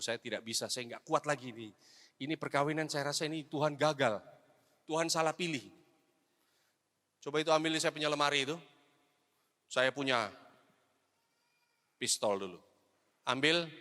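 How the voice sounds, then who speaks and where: In a reverberant church hall, a middle-aged evangelist with a mid-range voice preaches a sermon built around a personal story. He calls listeners "brothers and sisters," slips in English phrases, and shifts between loud exhortation and hushed confession.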